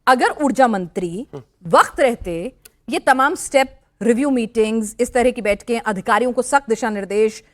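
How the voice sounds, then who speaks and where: Firm high-voiced woman news anchor. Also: moderate pace. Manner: firm, interrupts to keep order. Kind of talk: moderating a TV debate.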